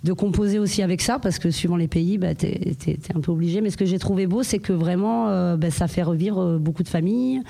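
A woman's voice: on the low side, fairly quick, vocal fry, hardly any pauses, dark tone. A woman talking in a casual group chat, hesitant, with many fillers and restarts.

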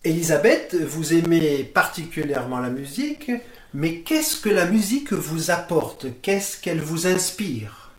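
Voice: medium pitch, expressive, unhurried, roomy sound. A radio interviewer asking polite, formal questions.

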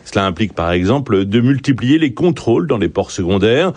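A man filing a news report as a correspondent, with a slightly husky voice. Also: fairly low pitch, sing-song, fairly quick, darkish tone.

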